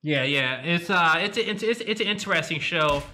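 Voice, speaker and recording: Male host, easygoing interviewer, very bright and high voice. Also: lively intonation, normal speed. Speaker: show host. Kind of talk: casual interview chat.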